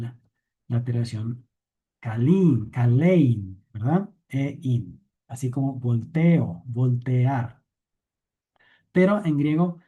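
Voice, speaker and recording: A man gives a recorded grammar lesson at a middle pitch. His tone is deeply mellow and relaxed. He works through each point step by step, pausing on fillers and often checking that the listener is following. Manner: thinks aloud with fillers and self-corrections. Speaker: Greek grammar teacher.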